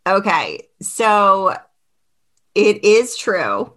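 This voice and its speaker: A woman's voice: medium pitch, very animated, very slow, fairly bright tone. Giggly woman co-hosting a chat. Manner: laughs often, reads trivia prompts aloud. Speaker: podcast co-host. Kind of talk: casual chat quiz game.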